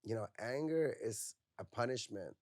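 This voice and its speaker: Here the young Puerto Rican counselor, a soft-spoken podcast guest in candid, reflective conversation, leans on "like" and "you know." His voice is mid-range with lively intonation and a moderate pace. The sound is dry and clean, as in a studio.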